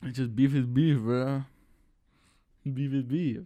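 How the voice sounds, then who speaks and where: A man's voice: mid-range voice, fairly even intonation, slow pace, mellow. A young man from Chicago, a podcast guest, rambling and laughing as he tells a story and acts out both sides of an argument. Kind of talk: casual storytelling chat.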